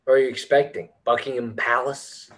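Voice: mid-range voice, steady tone, normal speed, fairly bright tone, natural voice, low-quality recording. A performer reading the part of a young male band singer who jokes and teases, at a script read-through. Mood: teasing. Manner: teasing, wisecracking.

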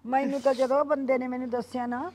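A woman's voice: high voice, flat delivery, fast talker, crowd noise. Wailing middle-aged woman, gossiping. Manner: dramatic wailing, scolding. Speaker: village gossip. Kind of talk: Punjabi short drama acting.

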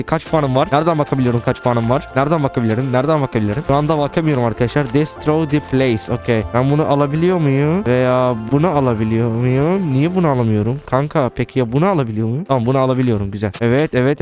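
An excitable young man talks his way through a video game, firing off words in quick repeated bursts and swearing when things go wrong. His voice sits at an ordinary middle pitch, with faint game music playing behind him. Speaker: gaming YouTuber. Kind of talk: casual gameplay commentary.

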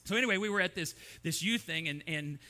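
A man's voice: fairly high pitch, quick pace, pushed and bright. A middle-aged man preaching a sermon, telling stories and acting out the voices in them. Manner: storytelling, acts out voices in his anecdotes. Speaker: pastor. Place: church sanctuary.

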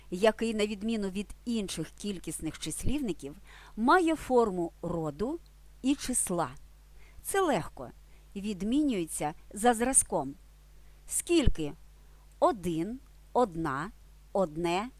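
A woman gives a scripted grammar lesson at an unhurried pace. She spells out every example word with care, and her pitch rises and falls a lot as she stresses points. The sound is dry and close. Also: a little mellow, no echo. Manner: slow, deliberate, clearly enunciated examples. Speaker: language teacher.

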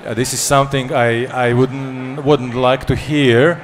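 A man's voice: medium pitch, level tone, measured pace, a little hiss or hum. A man who is a poet and translator answering a panel question, hesitant and full of fillers, with dry humor. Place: panel session at a book fair.

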